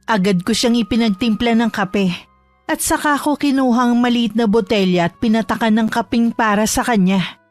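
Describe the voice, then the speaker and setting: A woman's voice: on the high side, normal speed. A woman narrating a true horror story in first person as the wife. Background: music.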